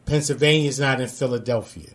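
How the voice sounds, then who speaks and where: Brooklyn-raised man hosting radio, New York accent, joking and teasing, bright forward tone. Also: mid-range voice, fast. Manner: joking, playful banter. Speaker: radio show host. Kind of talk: casual radio interview chat.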